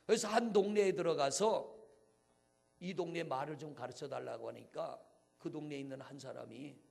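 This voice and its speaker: A male pastor preaching a sermon in a church, swinging between hushed near-whispers and loud, emphatic exclamations. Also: a little high, normal speed, gravelly.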